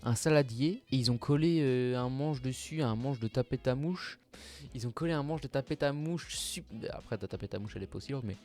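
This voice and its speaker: A man's voice: mid-range voice, fairly quick, a little mellow, faint music behind. A young man hosting a casual reaction video, talking in slang, sounding exasperated and mumbling asides.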